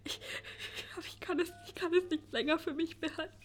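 A woman's voice: very high voice, fairly even intonation, normal speed. A woman voicing a guilt-ridden young woman who stammers through tearful sobs in an audio drama. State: crying.

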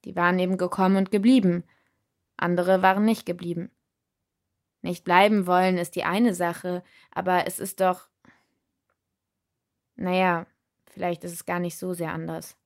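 Female narrator, calm reflective first-person storytelling. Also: lowish voice, moderate pace, long pauses.

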